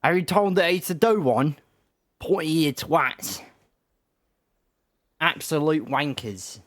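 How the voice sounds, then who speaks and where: A man's voice: a little high, expressive, slow pace, fairly bright tone, no room sound, clean studio sound. A man streaming a game who rambles casually with lots of swearing and restarts. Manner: rambling, profane, many restarts.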